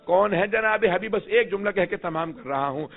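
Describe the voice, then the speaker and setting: A man with a somewhat high, gravelly voice delivers a mourning sermon as dramatic, emotive storytelling. The sound is thin and tinny, like a phone line. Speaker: preacher.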